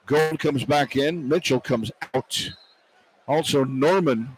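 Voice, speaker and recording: Slow and mid-range in pitch, an American man gives terse, clipped basketball play-by-play on live radio. He sits courtside in a large indoor arena, whose ambience and noise are plainly audible in the rough broadcast recording.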